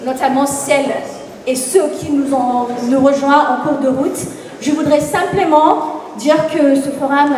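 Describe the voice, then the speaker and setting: Kenyan woman wrapping up a conference, high voice, super echoey hall, mic far away. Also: darkish tone. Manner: measured, formal, occasional self-corrections. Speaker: program manager and moderator. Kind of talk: conference closing summary.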